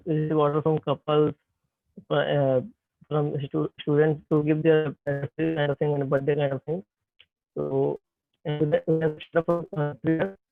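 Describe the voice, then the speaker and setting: A young man in his twenties with an Indian accent and a slightly high voice addresses students as a guest speaker and startup founder. The video-call line is tinny, lo-fi and dry, his voice breaking up over the bad connection, and he sounds hesitant and full of fillers.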